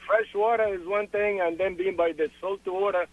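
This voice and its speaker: A man's voice: high-pitched, fairly even intonation, a little fast, dry recording. Man from Egypt on a tinny phone line. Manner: friendly, earnest, rambling. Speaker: caller. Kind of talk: phone call-in chat.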